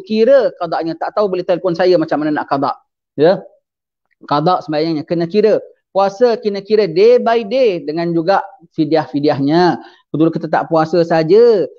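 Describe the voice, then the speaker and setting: A man's voice: high voice, normal speed, muffled recording. A man preaching a sermon, mixing English phrases into his speech and asking his audience questions that he then answers himself.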